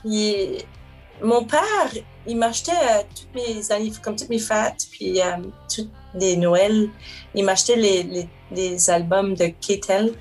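A woman's voice: medium pitch, takes it slowly, darkish tone, soft background music. A woman with a Québécois French accent, chatting casually as a guest musician, rambling with many fillers and restarts and slipping in English words. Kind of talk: casual chat.

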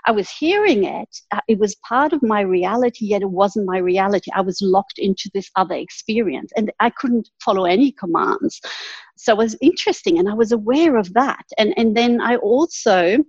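A woman with a husky, slightly breathy voice at a middle pitch tells her story earnestly and laughs lightly now and then. The sound is dry and close, with a dull, lo-fi tone. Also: lively intonation, moderate pace, dry recording. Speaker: guest. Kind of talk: reflective storytelling in an interview.

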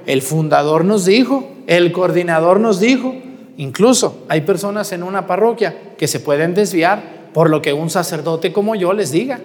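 Mexican priest preaching in a reverberant church. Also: male voice, high voice. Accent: Mexican Spanish. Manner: animated, asks the congregation questions, drops to a hush for emphasis. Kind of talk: sermon. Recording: long hall reverb in a church.

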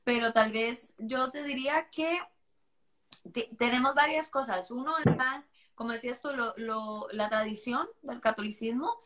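A Costa Rican woman with a blend of Costa Rican and Spanish accents chats casually and animatedly about her missionary work. Her voice is fairly high and fairly bright, at a normal speed.

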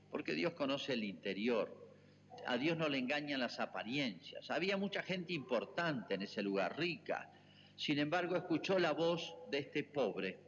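An Argentine priest delivers a homily with a lively, rising and falling voice, turning often to his listeners. His words ring out with a long church reverb, and the recording sounds muffled and lo-fi. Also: mid-range voice, slight background noise. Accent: Argentine Spanish. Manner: earnest preaching, addresses the congregation directly.

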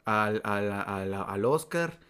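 Hombre mexicano joven contando anécdotas entre risas. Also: male voice, lowish voice, expressive, slow, fairly bright tone, smooth. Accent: Mexican Spanish. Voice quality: slangy, laughs often, swears freely. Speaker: podcast co-host. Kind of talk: casual storytelling chat.

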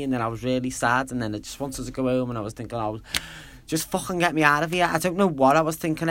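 A man's voice: mid-range voice, dry recording. Rambling Liverpool man in his thirties. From Liverpool, England. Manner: rambling, chatty, self-deprecating. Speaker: podcast host. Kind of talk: casual solo storytelling.

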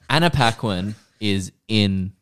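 A man's voice: lowish voice, very animated, very slow, fairly bright tone, smooth. A man co-hosting a casual chat podcast, swearing freely and laughing often as he recaps a TV episode. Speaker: podcast co-host.

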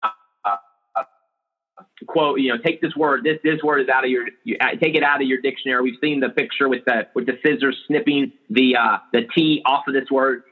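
A man's voice: mid-range voice, fairly even intonation, brisk, narrow, tinny audio. A man hosting a casual group discussion, talking in a rambling way with many restarts. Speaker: podcast host.

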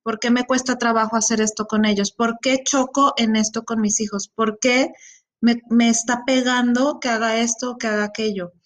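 A middle-aged woman with a Mexican accent chats in a relaxed group talk. Her voice sits a little high, and she tells stories in an animated, expressive way. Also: moderate pace. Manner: animated storyteller. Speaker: podcast co-host. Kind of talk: casual panel chat.

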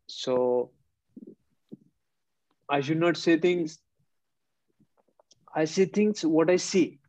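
This man has a medium-pitched, darkish voice and a blunt, laughing way of telling a casual story, voicing both sides of an argument himself. The recording is dry, dull, lo-fi and close.

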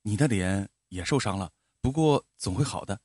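A gentle, devoted young village man speaks with earnest reassurance, as a male storyteller reads his lines. His mid-pitched voice rises and falls freely, and the recording is dry and close. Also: sing-song, a little fast, dry recording. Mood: earnest soothing. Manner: soothing, earnest.

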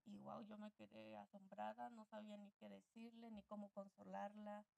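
Woman with a really gravelly fry voice, mid-pitched, dry close sound, telling a story reflectively. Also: level tone, normal speed, dark tone, no echo, low-quality recording. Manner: reflective, tag questions ending phrases. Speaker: interview guest, church member. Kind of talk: personal storytelling in conversation.

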